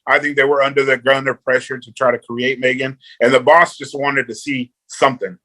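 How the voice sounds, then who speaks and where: A man's voice: medium pitch, flat delivery, a little fast, bright, forceful tone, rough recording. A man, a guest on a movie review podcast, talking casually and rambling, repeating words and saying "you know" a lot.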